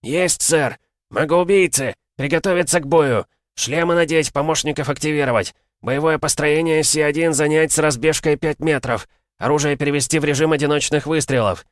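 A man voicing a brisk sergeant who shouts clipped battle commands to his squad. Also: a little high, dry recording, studio quality, pitched above the performer's own voice, natural voice. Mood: commanding.

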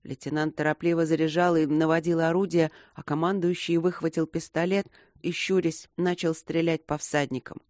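A man narrating an audiobook in a measured way, slowing down at tense moments. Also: a little high, level tone, darkish tone, no echo, clean studio sound. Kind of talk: scripted narration.

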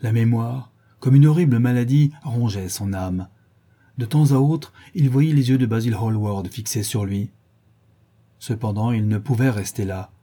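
A man in scripted audiobook narration, reading a classic novel in a measured way. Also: medium pitch, warm tone, breathy edge.

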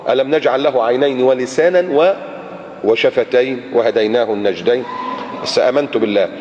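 A man's voice: medium pitch, a little fast, a little hiss or hum. A man with an Egyptian accent giving a colloquial religious lecture, sounding out letters and acting out his examples. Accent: Egyptian Arabic. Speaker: preacher. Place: lecture hall or mosque in Qatar. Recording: echoey hall, dull lo-fi recording.

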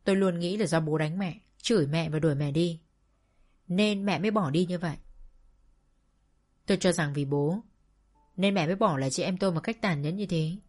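A woman narrating a sad first-person story in a slow, sorrowful storytelling manner. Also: on the low side, a little mellow.

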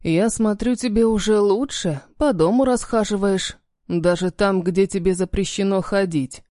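A woman's voice: mid-range voice, normal speed, dark tone, no room sound, studio quality, natural voice. Woman voicing a cold, stern father. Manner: cold, clipped, commanding. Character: stern cold-tempered adult man, a father.

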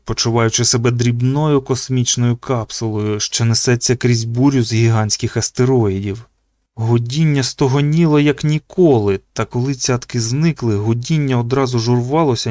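Man reading an audiobook, steady measured tone, dry close mic. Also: medium pitch, no room sound. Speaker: audiobook narrator. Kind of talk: scripted audiobook narration.

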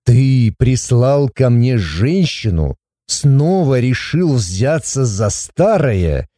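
Man playing a stern cold man, slow clipped delivery, mellow low tone, dry sound. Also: big pitch swings, no echo.

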